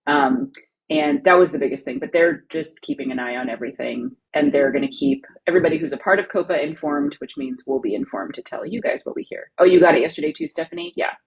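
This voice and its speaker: A woman's voice: low-pitched, expressive, fast, gravelly, slightly rough, dull audio. A woman co-hosting a live stream on education advocacy, chatting casually with viewers, laughing often and saying "like" a lot. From lives in Ohio. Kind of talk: casual chat answering viewer comments.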